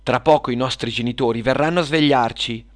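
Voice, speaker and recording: A man's voice: mid-range voice, brisk, lightly acted. A man voicing a practical young superhero girl urging everyone home. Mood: urgent.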